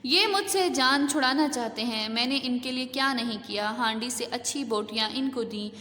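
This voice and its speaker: A woman's voice: fairly high pitch, bright, forceful tone. A woman teacher voicing an aggrieved, tearful middle-aged housewife who complains shrilly, read aloud in an echoey room.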